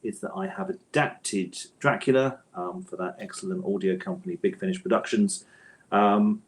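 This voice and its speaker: A middle-aged author and audio drama scriptwriter answers as an interview guest, thoughtful and hesitant, often rephrasing as he goes. His lowish voice is animated at a moderate pace, with a little hiss or hum.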